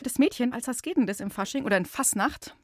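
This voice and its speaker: A woman's voice: a little high, fast, faint music behind. Playful radio host woman. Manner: playful, chatty, laughs easily. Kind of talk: lively children's radio hosting.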